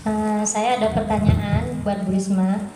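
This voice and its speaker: A woman teacher asks a polite, formal question in a group discussion. Her voice sits in a middle range and sounds echoey. Clear frying and sizzling noise is heard behind her. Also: medium pitch, steady tone, measured pace.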